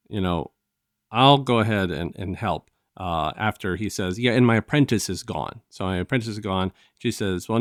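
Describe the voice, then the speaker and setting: Here a review-show host with a fairly low voice talks casually through the plot, halting and restarting and voicing bits of dialogue. The sound is dry, with no echo and little room ambience.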